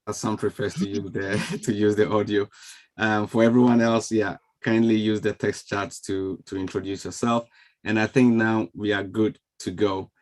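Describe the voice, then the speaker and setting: A man's voice: on the low side, level tone, moderate pace. A man moderating an online event from a video call, welcoming people in a friendly way with frequent fillers. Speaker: webinar host. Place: home or office on a video call. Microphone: video call microphone.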